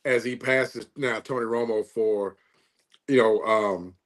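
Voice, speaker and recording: A middle-aged man co-hosting a football talk show, taking a measured, historical angle on the team. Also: lowish voice, fairly even intonation. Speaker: sports show co-host. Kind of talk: reflective sports talk.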